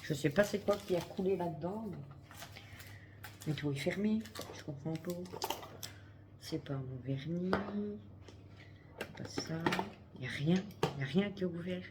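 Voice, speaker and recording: A woman's voice: fairly low pitch, unhurried, pauses often, background noise. A woman vlogging in casual chat to camera, chatty and swearing freely, talking through a headset.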